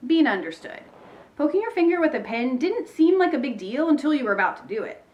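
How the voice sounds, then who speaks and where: A woman teacher reading a children's chapter book aloud, in a clear expressive storytelling manner. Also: sits high, a little fast, highs cut off.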